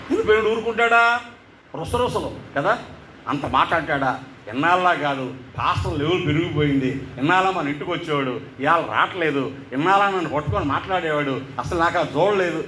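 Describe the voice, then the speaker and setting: A man preaches with a high, lively voice, telling a story and slipping into the voices of its characters. The sound is echoey, as in a large hall, with faint ambience behind him. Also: slight background noise. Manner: animated, acts out the characters' voices. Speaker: pastor. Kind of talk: storytelling sermon.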